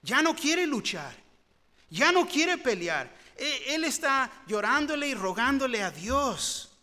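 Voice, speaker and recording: A man's voice: extremely high pitch, big pitch swings, slow pace, bright, forceful tone. A man preaching a sermon, earnest and rising into fervent pleading. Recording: long hall reverb.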